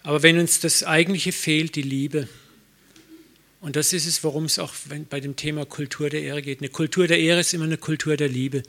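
A man's voice: fairly high pitch, fairly even intonation, a little fast, a bit bright. A middle-aged man, a pastor, preaching a sermon in a conversational way, with anecdotes and self-mocking humor.

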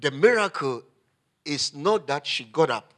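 A man preaching a sermon in short phrases for an interpreter, acting out voices and sometimes shouting for effect. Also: a little high, a little slow. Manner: animated, acts out voices, shouts for effect, laughs.

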